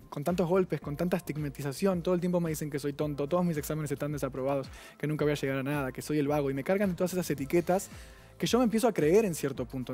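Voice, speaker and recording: A young man in his twenties with a Rioplatense accent, speaking as a guest on a TV talk show. He talks quickly and earnestly, in a slightly high but dark, mellow voice. Faint music plays behind him. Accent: Rioplatense Spanish. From Argentina. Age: 20s. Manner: earnest, rapid, reflective. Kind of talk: personal account on a TV talk show.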